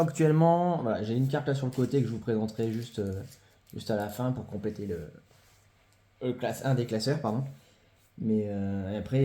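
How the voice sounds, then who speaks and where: A medium-pitched, mellow-voiced man casually presents his card collection in a show-and-tell vlog. He hesitates a lot, using many fillers and circling back to the same phrases.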